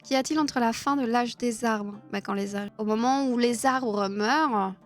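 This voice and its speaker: A woman's voice: on the high side, normal speed, soft background music. A woman hosting a casual live stream, chatting with her viewers, laughing often and filling her talk with hesitations. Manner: chatty, laughs often, many fillers and restarts.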